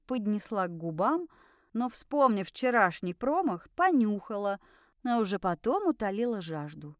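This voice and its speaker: A woman narrating a first-person audiobook with a lively, ironic reading and voiced asides, close to a studio microphone. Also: on the high side, smooth, no echo.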